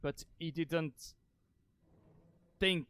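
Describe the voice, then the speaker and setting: A man with a Spanish accent calling esports play-by-play, excitable and shouting on big plays. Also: fairly high pitch, drawn-out words, smooth, no echo. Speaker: esports caster.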